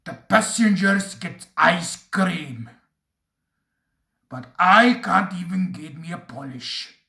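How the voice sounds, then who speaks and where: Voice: medium pitch, animated, slow pace, vocal fry, sharp tone, exaggerated voice. A reader voicing a sulky, self-pitying steam engine that grumbles and complains, read from a storybook in a roomy space. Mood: grumbling. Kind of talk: storybook reading.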